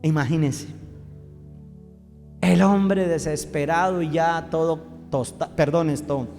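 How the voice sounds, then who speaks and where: Colombian male pastor, animated sermon delivery, reverberant church hall. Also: a little high, takes it slowly, faint music behind. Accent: Colombian Spanish. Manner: animated preaching with acted-out joke voices and shouts.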